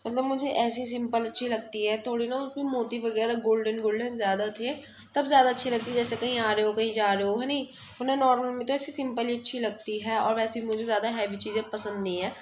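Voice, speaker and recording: A woman's voice: a little high, a little hiss or hum. A young woman chatting casually at home for her family vlog, rambling along and often quoting her husband. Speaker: family vlogger. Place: at home indoors.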